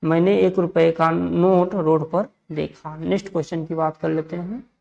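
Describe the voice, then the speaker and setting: Gravelly Indian man teaching grammar. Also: a little high, flat delivery, darkish tone, muffled recording. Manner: repeats set phrases, asks and answers own questions; reads example sentences slowly. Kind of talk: exam-prep grammar lesson.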